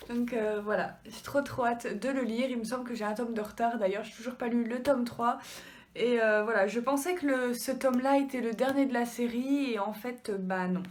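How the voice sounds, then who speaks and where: A woman's voice: a little high, darkish tone, slight background noise. A young woman, chatting casually through a manga unboxing, full of fillers and frank, informal remarks. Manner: chatty, many fillers like euh and du coup; frank and informal, mild swearing. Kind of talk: casual haul video chat. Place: home room.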